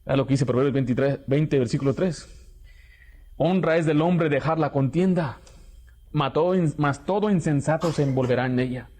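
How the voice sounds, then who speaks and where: A man preaching a radio sermon, animated and acting out quoted parents and children. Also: on the high side, normal speed.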